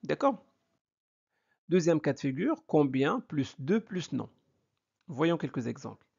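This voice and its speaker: A man teaching a grammar lesson in a slow, deliberate way, repeating each example with exaggerated question intonation. His voice sits fairly high and swings widely, with a gravelly edge. The recording is dull and lo-fi. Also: big pitch swings, darkish tone. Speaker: French teacher.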